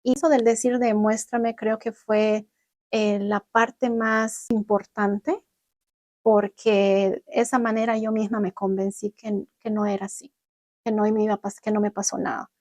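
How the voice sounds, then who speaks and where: A young adult woman vlogging, telling viewers about her own experience in an animated way and acting out what she once said. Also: mid-range voice, no echo. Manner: animated, acts out her own past words. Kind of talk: personal storytelling to viewers.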